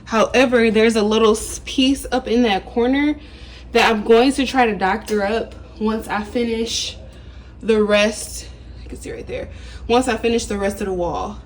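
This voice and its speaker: A woman's voice: a little high, steady tone, normal speed, a little hiss or hum. A woman casually talking viewers through a home decorating project, upbeat and chatty, recorded on a phone camera indoors. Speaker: home vlogger. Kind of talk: casual vlog walkthrough. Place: apartment living room, indoors.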